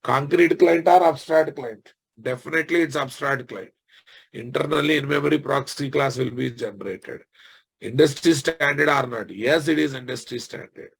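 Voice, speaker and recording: Husky Telugu-accented Indian man teaching. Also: medium pitch, moderate pace. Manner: repeats phrases, often addresses listeners informally. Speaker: programming instructor. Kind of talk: live technical lesson, dictating notes and quizzing students.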